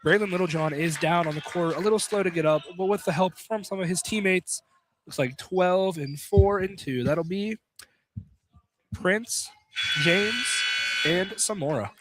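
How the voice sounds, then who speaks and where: This basketball play-by-play comes from a man whose voice sits high, with a fairly bright tone and an unhurried pace. He mixes the live radio call with casual, opinionated comments, against the noise of the gym.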